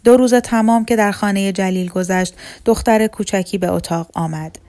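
Calm woman reading a novel aloud. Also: mid-range voice. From Iran. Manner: calm, measured storytelling. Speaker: narrator. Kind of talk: audiobook narration of a novel.

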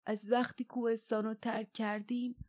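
A woman voicing an old, grave and weary giant creature elder in an audiobook, speaking low and hushed. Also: level tone, natural voice. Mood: somber. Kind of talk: audiobook character voice.

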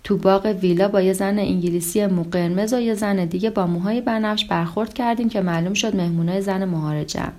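A woman narrating a translated story in a calm, even reading voice, lightly voicing the dialogue. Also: medium pitch, hardly any pauses. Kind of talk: scripted audiobook narration.

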